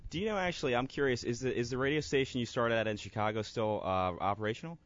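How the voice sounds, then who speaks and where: A young man from the student radio station staff, talking in a halting way with many restarts and friendly praise. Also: medium pitch. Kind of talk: casual radio chat. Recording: muffled lo-fi studio mic.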